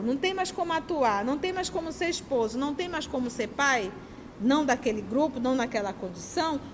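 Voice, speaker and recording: A woman leads a spiritist study group, teaching emphatically with lively personal anecdotes. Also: high voice, big-room sound, slight background noise. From Manaus, Brazil. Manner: animated, emphatic, storytelling.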